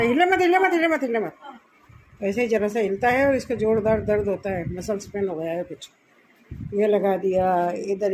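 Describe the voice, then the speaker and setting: A woman's voice: slight background noise, low-quality recording. A woman chatting in a casual home vlog, telling a homely story about a child's injury in plain, conversational talk. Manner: chatty, homely storytelling, gets loud and high when fussing over the injured child. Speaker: vlogger.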